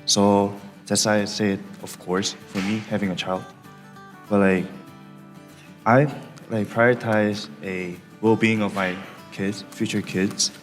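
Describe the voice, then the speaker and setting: Low, flat-voiced young student. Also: male voice, slow pace. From South Korea. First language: Korean. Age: young adult. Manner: hesitant, fills with "like". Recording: reverberant lecture hall with background music.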